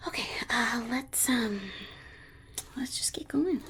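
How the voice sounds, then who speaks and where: An ASMR performer plays a condescending yet sweetly reassuring female alien scientist examining a human, gently instructing and softly reassuring her subject. Her slightly high voice moves slowly in a patronizing, soothing way with hesitant murmured repetitions, and a little hiss or hum is present.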